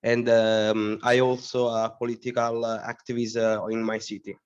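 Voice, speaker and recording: A man from Italy, a student, introducing himself casually and haltingly on a video call. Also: on the low side, level tone, smooth. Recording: dull lo-fi call audio.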